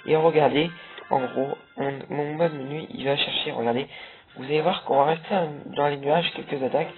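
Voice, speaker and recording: Young man, casual gameplay commentary, rambling with fillers, tinny lo-fi sound, loud game music behind. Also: fairly high pitch, brisk. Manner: rambling, many fillers and restarts. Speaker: gameplay video creator.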